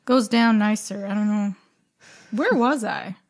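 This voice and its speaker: A woman talking through a book on a podcast in a loose, blunt way, swearing as she goes. Her voice sits at a middle pitch with nothing unusual about it. She often breaks into laughter mid-sentence. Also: unhurried. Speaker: podcast co-host. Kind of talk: casual book club chat.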